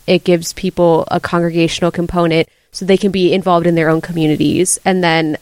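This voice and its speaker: A woman with a somewhat low voice speaks earnestly as a podcast guest, explaining her points at a steady clip. The sound is dry and close-miked. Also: fairly quick, dry recording. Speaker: guest, resource team member. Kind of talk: casual podcast discussion.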